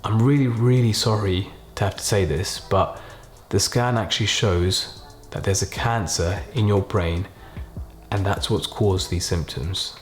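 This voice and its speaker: A man playing a sympathetic doctor breaking bad news to a patient, slowly, quietly and gently, checking in between short phrases. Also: lowish voice, faint music behind, natural voice. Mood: grave, gentle. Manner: slow, quiet, gentle delivery in small chunks with check-ins. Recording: roomy, echoing voice pickup.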